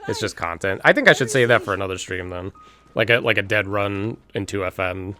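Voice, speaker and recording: A man's voice: fairly low pitch, animated, brisk, sharp tone. A man doing casual, rambling live stream commentary on a game, informal and sweary, often chuckling as he talks.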